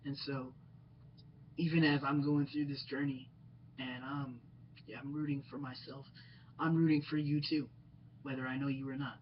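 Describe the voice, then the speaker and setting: A man's voice: medium pitch, level tone, normal speed, pauses often. Reflective young man, slightly muffled. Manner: reflective, hesitant, many ums and restarts. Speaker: vlogger. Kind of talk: personal video diary. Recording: slightly dull lo-fi sound with faint noise.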